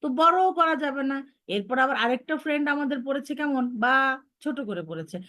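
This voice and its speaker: Woman, high voice, Bangladeshi Bengali accent, encouraging teacher, repeats sounds for children, video call mic. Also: animated, a little fast, sharp tone. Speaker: Arabic pronunciation teacher. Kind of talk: online lesson for children.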